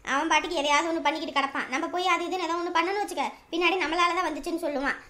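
A woman playing a sharp-tongued gossiping village woman in a comedy drama, scolding and chatty. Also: extremely high pitch, steady tone, very fast.

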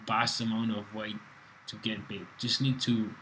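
A fitness coach talks over his workout in an easygoing, bantering way that is full of swearing. His voice sits fairly low and stays even and level, with little rise and fall. A faint hiss of noise runs underneath. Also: unhurried, rough recording. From Spain. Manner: laid-back, swearing, joking banter. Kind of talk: casual workout voice-over commentary. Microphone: voice-over, close mic.

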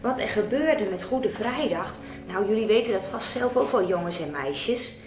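A woman leading a children's church service, telling a story to the children in a gentle, animated way. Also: mid-range voice, normal speed. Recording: echoey church.

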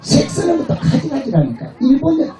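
A husky-voiced man doing crude, swearing comedy banter with the crowd, mimicking voices and laughing between jokes. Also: extremely high pitch, huge pitch swings, brisk. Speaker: pumba street performer. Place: outdoor beach stage. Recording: roomy PA sound from far off, crowd. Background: crowd and music.

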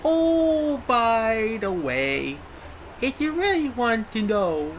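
A man's voice: very high-pitched, very animated, drawn-out words, loud music behind the voice, exaggerated voice, rough recording. A man voicing a mischievous, mad, grinning cartoon cat with a playful, teasing manner, in a fandub. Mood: teasing, languid. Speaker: amateur fandub voice actor.

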